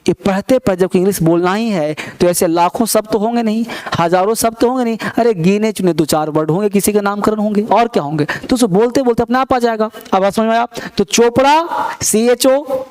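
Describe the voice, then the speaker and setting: A man's voice: sits high, a little fast, darkish tone, clean tone. A man teaching English spelling and pronunciation to students, repeating words and quizzing them, in a classroom lesson. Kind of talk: classroom grammar lesson in Hindi.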